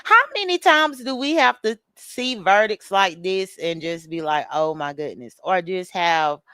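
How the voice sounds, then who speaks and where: Woman live-stream host, casual commentary, chatty and emphatic, smooth clear voice, dry close sound. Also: on the low side, a bit bright, dry recording. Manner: chatty, greets viewers by name, emphatic asides.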